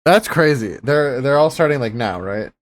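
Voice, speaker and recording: A man joking his way through a tabletop game, his voice bouncing up and down. He laughs often and talks at a middle pitch into a streaming microphone. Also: moderate pace. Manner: animated, laughs often, jokey. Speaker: player. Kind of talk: casual tabletop play on a live stream.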